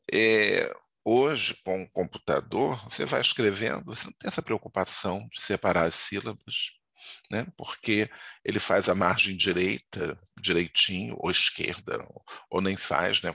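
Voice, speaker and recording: A man's voice: low voice, normal speed, vocal fry, sharp tone, slightly rough, no echo. An older man with a Brazilian Portuguese accent, giving a casual grammar lesson in a chatty, digressive way that keeps asking for agreement. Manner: chatty, digressive, frequent tag questions. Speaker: Portuguese teacher.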